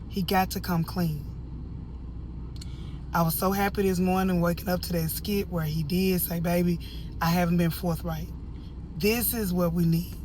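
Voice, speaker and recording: An American woman giving casual, opinionated video commentary in an animated, emphatic way, drifting into rambling asides. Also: lowish voice, background noise. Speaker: online reviewer and host.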